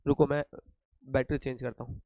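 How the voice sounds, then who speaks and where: A young Indian man teaching a live online lecture, slightly hoarse, joking and asking then answering his own questions. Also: mid-range voice, flat delivery, normal speed, dark tone, dry recording, low-quality recording.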